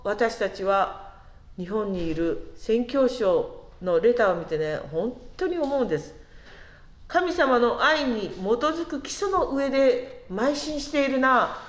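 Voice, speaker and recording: A woman delivers a sermon in a conversational way and often turns to ask the congregation questions. Her voice sits fairly high and swings widely, and she draws out words for emphasis. The room is echoey. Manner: conversational, asks the listeners questions, slows down to stress words. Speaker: preacher.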